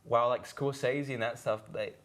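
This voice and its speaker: A man's voice: mid-range voice, fairly even intonation, moderate pace, fairly bright tone. A man co-hosting a film podcast, talking casually and rambling with many fillers and restarts. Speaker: podcast co-host.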